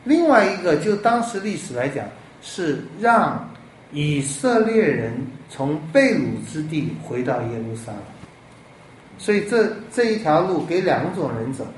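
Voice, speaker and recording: A man preaching a sermon as a pastor, animated, with rhetorical questions and big swings in loudness. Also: fairly high pitch, a little slow, a little hiss or hum. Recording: echoey room with faint ambience.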